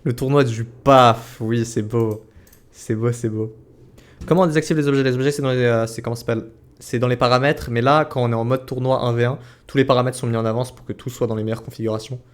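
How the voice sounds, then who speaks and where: A male esports caster with a mid-pitched voice gives live play-by-play of a game. He talks in casual slang, throws in exclamations and mutters words over and over when it gets tense. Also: steady tone, fast talker. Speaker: esports caster commentating a tournament stream.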